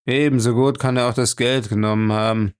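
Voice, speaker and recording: A man's voice: medium pitch, fairly even intonation, a little fast, clear, resonant tone, close to an everyday voice. A man voicing a whiny, defiant and cowardly man in an audiobook, sulky and complaining. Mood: sulky whining.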